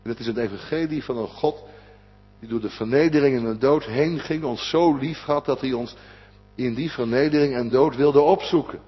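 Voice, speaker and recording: A pastor, a man, preaching a sermon, swinging from loud urging to a hushed whisper. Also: mid-range voice, normal speed, slightly rough. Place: church. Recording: dull lo-fi recording with long church reverb.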